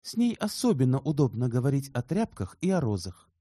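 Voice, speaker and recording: A man's voice: medium pitch, big pitch swings, fairly quick, mellow, no room sound, voice pushed up. A composed young woman speaks in a lifted, lightened voice, as a male narrator puts her on, asking direct questions with a cool edge. The reading is dry and close to the mic. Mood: cool, pointed. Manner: poised, pointed questions. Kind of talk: audiobook character reading.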